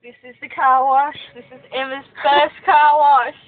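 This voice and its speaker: A woman's voice: sits high, level tone, moderate pace. A young woman chatting casually and playfully, exclaiming often, filming inside a car at a car wash on a tinny camera with faint noise behind. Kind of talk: casual chat while filming. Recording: tinny lo-fi camcorder audio with noise.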